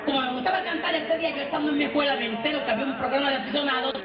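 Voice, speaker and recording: A woman's voice: high-pitched, fairly even intonation, racing. A Cuban woman from Santiago de Cuba, a singer telling her own life story in a folksy, emphatic way, calling her listeners brothers. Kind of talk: first-person life storytelling. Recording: roomy, dull archival recording with music.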